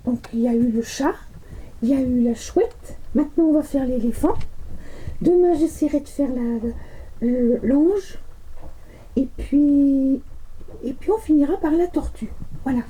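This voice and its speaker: A woman's voice: high voice, a little slow, long pauses, dark tone, slight background noise, poor audio. A middle-aged woman doing a casual, rambling card reading, chatting with fillers and laughs and coughing now and then. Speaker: card reader. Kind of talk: casual tarot reading chat.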